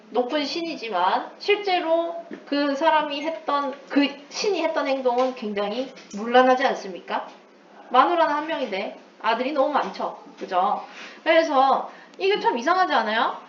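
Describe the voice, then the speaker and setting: A woman teacher with a slightly high voice explains her lesson in a lively way, tossing in playful asides and English terms. She sounds set back from the microphone in an echoey room. The recording is dull and lo-fi, with faint noise underneath. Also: recorded from a distance. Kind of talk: recorded lecture.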